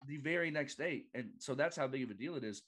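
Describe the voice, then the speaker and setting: Halting male podcast guest. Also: medium pitch, fairly bright tone. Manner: halting, lots of fillers and restarts. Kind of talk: casual sports chat.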